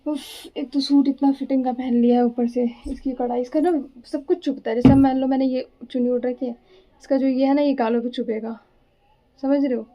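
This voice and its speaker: A woman's voice: sits high, fairly even intonation, brisk, lo-fi sound. A young woman chatting casually to her viewers in a vlog, confiding and talkative. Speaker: vlogger and home tuition teacher.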